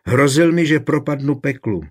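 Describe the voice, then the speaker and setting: Male narrator as anxious pious village woman, husky, tremulous and pleading, storybook reading. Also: fairly high pitch, voice pushed up. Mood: worried. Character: anxious devout young village woman, earnest.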